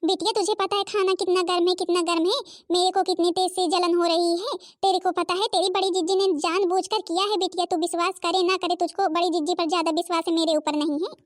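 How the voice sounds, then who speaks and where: A woman's voice: very high-pitched, flat delivery, fast, hardly any pauses. Woman doing a scheming, sneering mother-in-law type. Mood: accusing. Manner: scolding, sneering, scheming asides. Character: scheming older woman, meddling mother of the bride. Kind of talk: Hindi cartoon voice acting.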